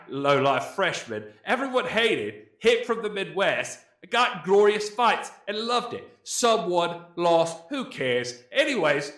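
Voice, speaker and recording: A man voicing a rowdy, boastful British man with a put-on British accent, in a loud, boisterous reading. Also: high-pitched, voice pushed up. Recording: echoey room.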